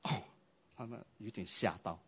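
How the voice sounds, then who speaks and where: A man preaching a sermon, telling a story and acting out its dialogue with lively shifts. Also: lowish voice, moderate pace, breathy edge, muffled recording. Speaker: pastor.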